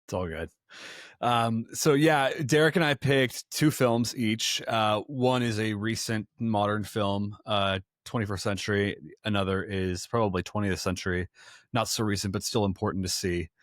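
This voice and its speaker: A man hosting a filmmaking podcast, talking in a relaxed way with a few fillers. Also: fairly low pitch, moderate pace, no room sound, studio quality. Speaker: podcast host. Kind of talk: casual podcast chat.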